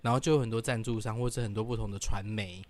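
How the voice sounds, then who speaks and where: Quick-talking man co-host. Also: fairly low pitch, steady tone. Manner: quick, agreeable interjections. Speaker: podcast co-host. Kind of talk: casual chat.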